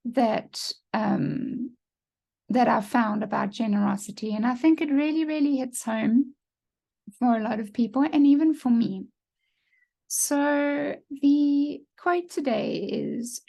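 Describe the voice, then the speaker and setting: A woman hosting a podcast, speaking slowly and deliberately as she leads an interview and reads a sponsor message. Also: a little high, warm tone. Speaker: podcast host.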